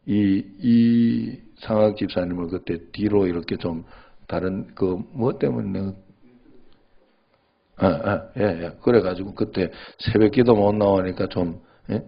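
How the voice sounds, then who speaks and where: A man's voice: on the low side, measured pace, vocal fry, highs cut off. A male pastor giving a sermon in a conversational way, often checking in with the congregation.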